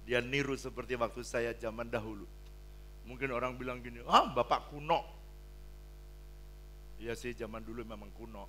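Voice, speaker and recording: An older man preaching a sermon as pastor, blunt and joking, swinging from hushed pleading to loud exclamations. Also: mid-range voice, moderate pace, pauses often, slight background noise. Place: church hall.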